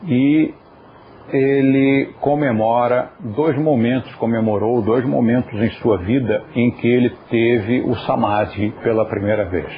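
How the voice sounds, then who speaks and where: A man with a creaky, mid-range voice teaches a yoga class, patiently explaining pronunciation and turning aside to address viewers at home. The recording is dull and lo-fi, with a little hiss or hum.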